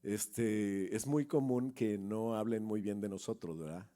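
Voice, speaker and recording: A man's voice: lowish voice, unhurried, dark tone. A middle-aged man preaching a sermon as pastor, chatting with the congregation, asking questions and acting out little stories. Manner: conversational preacher, asks the congregation questions, acts out anecdotes.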